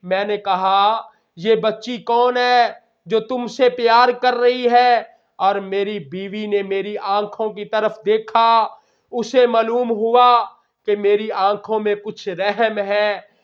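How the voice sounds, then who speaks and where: High-pitched, slow-preaching man. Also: fairly even intonation. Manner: impassioned, retelling stories with dramatic quotes. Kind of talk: Friday sermon storytelling. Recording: dull lo-fi recording.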